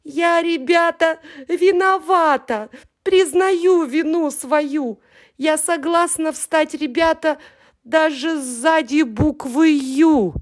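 A woman's voice: high voice, slow pace, pitched above the performer's own voice. A woman voicing a boastful, self-important female letter of the alphabet in a storybook poem, talking in a haughty, bragging way. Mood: tearful.

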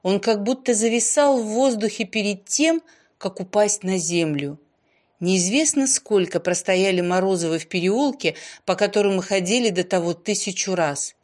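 Woman narrator, gentle expressive storybook reading, hushed and drawn-out at quiet moments, medium pitch.

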